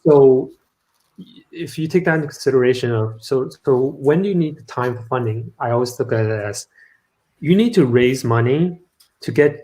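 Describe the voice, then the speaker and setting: A man's voice: mid-range voice, normal speed, dark tone, rough recording. A man originally from Los Angeles, a startup founder speaking as a guest in a casual online conversation, with many ums as he explains. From Los Angeles, California. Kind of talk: live online event conversation.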